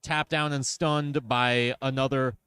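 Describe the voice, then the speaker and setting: A man talks through a card game as commentator in a casual, chatty way. His voice sits in a middle pitch and the sound is dry and close. He slips in wry, self-mocking asides between plays. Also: flat delivery, a little slow, a bit bright, clean tone, no echo.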